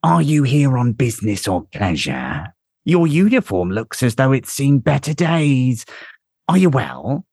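A man's voice: medium pitch, sing-song, unhurried, a little mellow, breathy edge, no echo, studio quality, pitched above the performer's own voice, full character voice. A man reading a story aloud, voicing a wry male fugitive who teases with light mockery. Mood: mocking.

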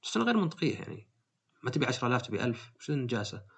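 A man's voice: mid-range voice, sing-song, rapid-fire, creaky, fairly bright tone, husky. A man, talking casually as a podcast host and rambling through his thoughts with many fillers. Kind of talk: casual monologue.

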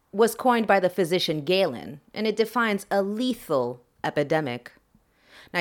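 A woman's voice: on the low side, a bit bright. A woman hosting a podcast, explaining history in a chatty way with playful, wry asides to her listeners. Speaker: podcast host.

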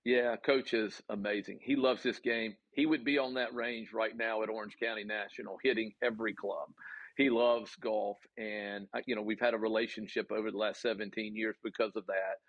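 A man with a Southern US accent, a college golf coach answering interview questions in an earnest, halting way with many ums and restarts. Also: on the low side, fairly even intonation, dry recording, highs cut off.

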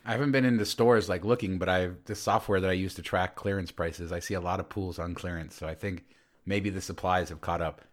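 A man's voice: low-pitched, fairly even intonation, fairly quick. A man hosting a podcast in a casual, conversational style. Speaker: podcast host.

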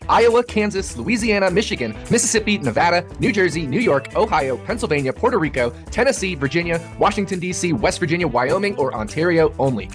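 A man reading scripted advertising fine print as a rapid legal disclaimer. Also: a little high.

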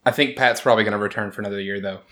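A man's voice: lowish voice, fairly even intonation, fairly bright tone. Wry man reading sports scores. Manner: quick, joking, laughs often, reads scores with sarcasm. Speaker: podcast host. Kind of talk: casual sports chat.

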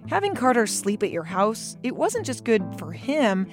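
A woman hosting and narrating a documentary podcast in a conversational, wry and lively way. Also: fairly high pitch, moderate pace, music in the background. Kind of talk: scripted narration.

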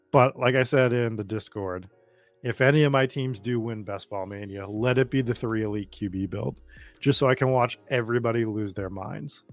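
A man from the Boston area of the United States, with a voice on the low side, hosts a fantasy football draft stream. There's no echo as he chats informally and swears freely through the casual live commentary.

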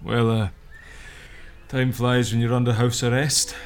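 A man acting a slow-talking, sheepish lad. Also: mid-range voice, flat delivery, soft background music, close to an everyday voice. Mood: groggy, sheepish. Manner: hesitant, wry. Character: sheepish, uneasy, self-doubting young man under house arrest. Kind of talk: audio drama dialogue.

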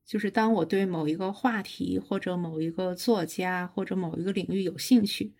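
A middle-aged woman professor, a podcast guest, explaining her habits in a measured, step-by-step way. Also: on the low side, steady tone, a little mellow. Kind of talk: casual chat.

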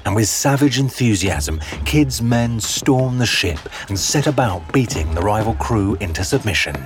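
Deep-voiced man narrating a documentary. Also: animated. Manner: dramatic, measured storytelling.

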